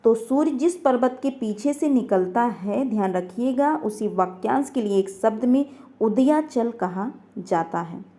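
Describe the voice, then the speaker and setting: A woman's voice: a little high, expressive, unhurried, warm tone. A woman teaching an online grammar lesson, asking questions and answering them herself, repeating each word.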